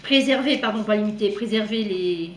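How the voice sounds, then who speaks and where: In a roomy-sounding show-and-tell vlog with slight background noise, a woman who does cross-stitch talks at a moderate pace in a medium-pitched voice. She meanders, often fixes her sentences partway through, and fondly addresses her audience as "girls."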